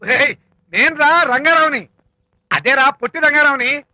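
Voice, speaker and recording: A man's voice: very high voice, expressive, moderate pace, bright, forceful tone, no room sound, full character voice. An actor playing a brash middle-aged father in a comedy film, trading threats in banter. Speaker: comic film character, the groom's father. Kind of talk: Telugu film comedy acting. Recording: dull, dry film soundtrack.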